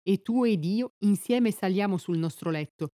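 A woman's voice: medium pitch, moderate pace, mellow, no room sound, studio quality, close to an everyday voice. A woman voicing an ageless, seductive and cunning goddess-enchantress in a reading of epic verse, with coaxing, formal delivery. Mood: pleading, coaxing. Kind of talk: epic poetry read aloud.

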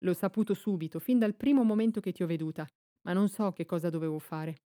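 A woman's voice: fairly low pitch, fast, dark tone, no room sound, clean studio sound, close to an everyday voice. A woman voicing a nervous, hesitant young boy in an audiobook. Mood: anxious. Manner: agitated, hesitant.

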